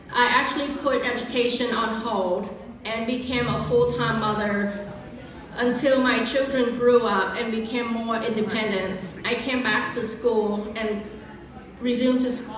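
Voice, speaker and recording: Speaking with a Vietnamese accent, a middle-aged woman from Vietnam delivers a carefully prepared, earnest guest speech at a community event, restarting often. Her voice is fairly high and a bit bright, picked up from a distance in a big echoey hall.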